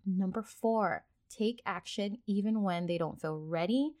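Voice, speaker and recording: A woman's voice: mid-range voice, a little slow, a little mellow. Upbeat encouraging woman podcast host. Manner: upbeat, encouraging, acts out quoted voices. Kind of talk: casual advice talk.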